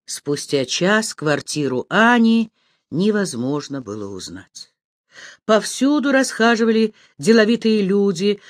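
Expressive woman reading an audiobook. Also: medium pitch, dry recording, studio quality. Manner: expressive, animated storytelling. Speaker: audiobook narrator. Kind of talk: scripted first-person narration.

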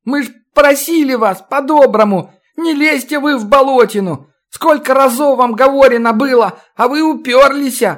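A man's voice: high voice, unhurried, pitched above the performer's own voice. A tearful rustic teenage boy. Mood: tearful pleading. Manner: rustic folk dialect, pleading. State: tearful, sniffling. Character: sobbing teenage swamp boy, rustic, frightened.

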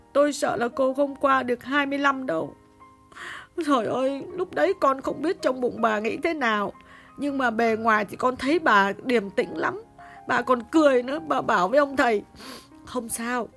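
A woman's voice: a little high, fairly bright tone. A woman voicing an emotional young female servant who tells her story plainly. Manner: plain-spoken, storytelling with sobs.

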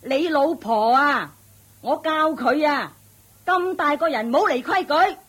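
A high-pitched woman with a fairly bright tone speaks slowly, acting in a Cantonese radio drama. She plays a haughty, domineering rich matriarch and mother-in-law who scolds and mocks with open scorn.

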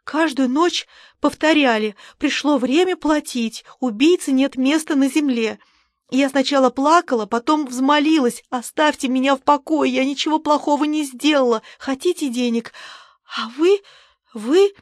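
Frightened old woman, pleading and shrill, read by a woman narrator, close dry voice. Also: normal speed, no room sound, close to an everyday voice. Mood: fearful. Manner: pleading, agitated, rising to shrieks. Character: frightened elderly woman, tearful and nervous.

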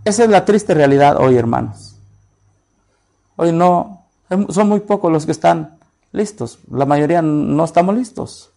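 A man preaching a sermon, retelling conversations with animated storytelling and acting out both sides. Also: a little high, unhurried, gravelly. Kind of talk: sermon with retold dialogue.

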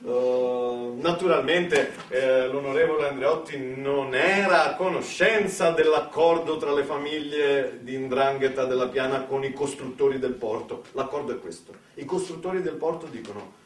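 With few pauses and a medium-pitched voice at normal pace, an Italian man delivers a satirical theatre monologue. He's ironic and colloquial, full of asides and rhetorical questions. It was recorded on a distant mic in an echoey room.

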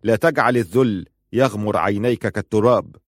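A man's voice: fairly low pitch, a little fast, no room sound, studio quality, close to an everyday voice. Man voicing a stern protective clan leader. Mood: commanding. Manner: firm, clipped orders softening to gentle reassurance. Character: stern protective male clan leader, commanding yet tender.

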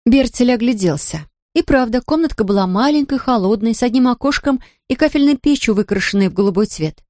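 A woman narrating a children's story in a gentle, steady storytelling manner. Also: a little high, a little fast, dry recording, studio quality.

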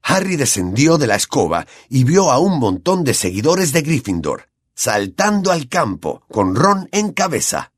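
A man with a Latin American Spanish accent narrating an audiobook in an expressive, animated way. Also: mid-range voice, a little slow, no echo, studio quality.

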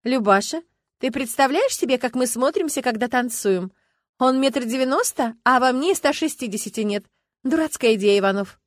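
Woman reading as a jealous snappy wife, scoffing, high and bouncy. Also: animated, moderate pace, no room sound. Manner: snappy, scornful. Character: jealous, sharp-tongued hostess, petite wife. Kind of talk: audiobook character reading.

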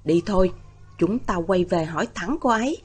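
Woman reading as a calm young male exorcist. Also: fairly low pitch, moderate pace, husky. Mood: explaining.

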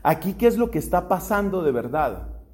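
Emphatic Colombian friar giving a philosophy lecture. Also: male voice, high-pitched, sing-song, moderate pace, darkish tone. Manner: emphatic, repeats key questions and phrases.

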